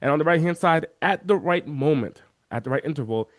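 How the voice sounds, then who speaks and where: A man talking as an interview guest, walking through software on a shared screen and acting out the voices of chat viewers. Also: a little high, brisk, no room sound, studio quality. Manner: animated, acts out quoted chat voices. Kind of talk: energetic screen-share walkthrough.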